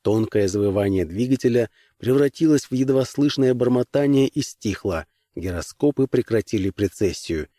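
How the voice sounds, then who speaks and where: A man's voice: mid-range voice, expressive, moderate pace, hardly any pauses, warm tone, no echo. Man narrating an audiobook, dry and close. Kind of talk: scripted narration.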